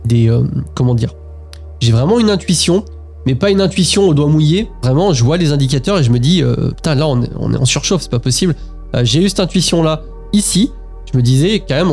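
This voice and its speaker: Mellow-voiced man chatting over faint music. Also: medium pitch. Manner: chatty, speaks directly to the viewer, frequent hesitations. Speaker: investing vlogger. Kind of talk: casual talk to camera while screen-sharing charts.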